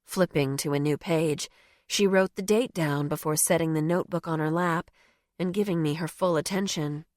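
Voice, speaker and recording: Low-voiced woman narrating a romance novel. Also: normal speed, darkish tone, no room sound, studio quality. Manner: wry, conversational first-person telling. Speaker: audiobook narrator. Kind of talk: first-person novel narration.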